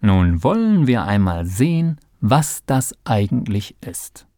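A man voicing a calm, sensible male helper in a storybook reading, reassuring and firm. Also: fairly low pitch, slow, no room sound, clean studio sound.

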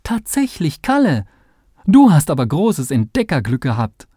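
A man's voice: on the high side, sing-song, unhurried, mellow, no echo, studio quality, voice pushed up. A man voicing a patient female professor in a storybook reading, explaining kindly.

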